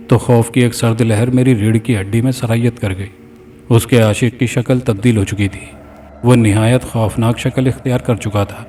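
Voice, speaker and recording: Mellow male horror storyteller. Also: medium pitch, a little hiss or hum. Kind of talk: scripted horror narration. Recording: distant mic, faint background music.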